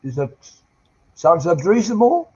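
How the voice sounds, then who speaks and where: A man's voice: high voice, big pitch swings, moderate pace, warm tone, slightly rough, muffled recording. An older man, a guest on a casual panel, speaking hesitantly with frequent fillers and careful phrasing.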